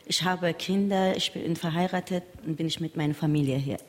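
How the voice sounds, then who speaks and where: A woman from Afghanistan, a German speaker, asking a panel a question haltingly, with many hesitation sounds. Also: low voice. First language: not German. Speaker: audience member asking a question. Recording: hall with long reverb.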